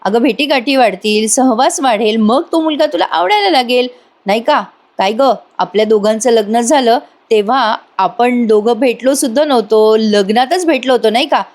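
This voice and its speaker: A woman voicing a fond middle-aged father who calmly reasons with his daughter. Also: a little high, moderate pace, natural voice. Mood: coaxing. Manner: gently persuading, lecturing.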